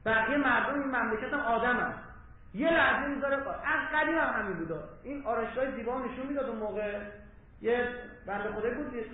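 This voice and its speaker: A man giving an impassioned public lecture in a hall, swinging between loud urging and low asides. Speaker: religious lecturer. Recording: very echoey hall, tinny phone-like sound, faint hiss.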